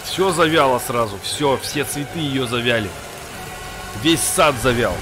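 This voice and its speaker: A man's voice: medium pitch, unhurried. A man giving casual, improvised gameplay commentary, thinking aloud in short colloquial phrases. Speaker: gamer, let's-play host. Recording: faint noise of game rain behind. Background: game ambience with rain.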